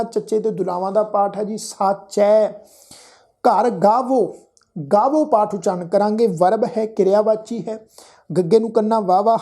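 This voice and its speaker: A woman from Punjab, India, teaching how to pronounce scripture. She recites line by line in a slow, measured way and spells out each sound with care. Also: mid-range voice, warm tone. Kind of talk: religious pronunciation lesson.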